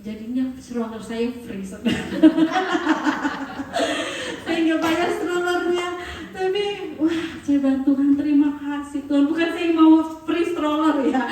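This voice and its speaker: A woman's voice: high-pitched, normal speed, hardly any pauses, crowd noise. A woman preaching a sermon as she tells a story, acting out the quoted dialogue and laughing as she goes. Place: church hall. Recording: echoey hall, voice from far off.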